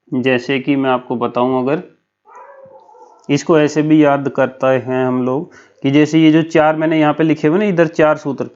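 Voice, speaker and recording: A man's voice: mid-range voice, a little mellow, muffled recording. A man teaching a lesson for an exam, explaining step by step with a memory story and often checking in with his listeners.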